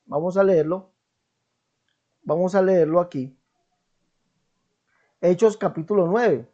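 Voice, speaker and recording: A man's voice: high voice, takes it slowly, dark tone. A man giving an online Bible teaching commentary in an emphatic manner, repeating key phrases and often checking in with his listeners. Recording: dull lo-fi recording.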